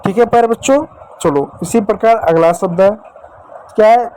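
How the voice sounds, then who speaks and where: A man's voice: sits high, moderate pace, a little mellow, a little hiss or hum, rough recording. A man teaching English spelling and phonics in Hindi, asking questions and answering them himself, repeating each step and calling his viewers dear children.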